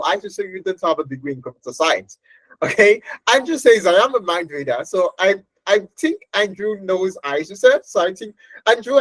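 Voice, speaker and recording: A woman's voice: medium pitch, no room sound, low-quality recording. A woman teaching a live online training session from her home workstation, chatty and often laughing as she checks in with her class.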